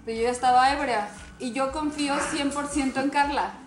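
A woman's voice: high voice, brisk, roomy sound, soft background music. A Mexican woman around thirty, telling a story in slangy casual chat and acting out the quotes. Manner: animated, slangy, acts out quotes. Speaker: guest. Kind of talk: casual storytelling among friends.

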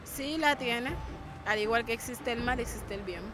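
A woman's voice: on the high side, moderate pace, noisy background. Frank Haitian-born woman, short answers. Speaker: interviewee. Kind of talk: candid interview answers.

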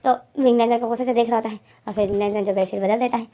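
A woman casually retelling a fan story, narrating in a halting way with many fillers and restarts. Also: a little high, fairly even intonation, warm tone.

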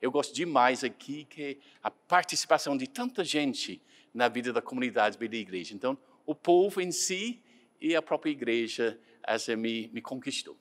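Irish-born missionary priest, second-language Portuguese speaker, calm anecdotal interview answers. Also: male voice, medium pitch, moderate pace. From Ireland.

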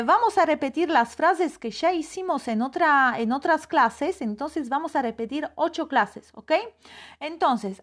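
A high-pitched woman leads a live online language lesson. She speaks slowly and repeats phrases for her viewers to copy. She is recorded on a phone or webcam for a live stream. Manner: slow, drills phrases aloud and greets viewers. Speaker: Polish language teacher.

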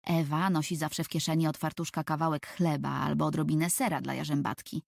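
A woman's voice: low voice, level tone, brisk, vocal fry, a little mellow, no echo, clean studio sound. A woman narrating a children's book for an audiobook, telling the story expressively.

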